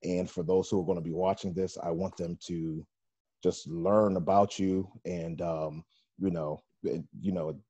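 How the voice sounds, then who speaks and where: A man's voice: sits low, level tone, unhurried, warm tone, slightly rough, lo-fi sound. A man hosting a casual radio interview, rambling with many fillers and restarts. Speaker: radio show host.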